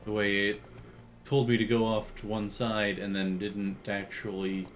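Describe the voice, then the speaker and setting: A man casually commenting while playing a video game, thinking aloud in a relaxed way. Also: on the low side, a little slow, soft background music. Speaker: game streamer.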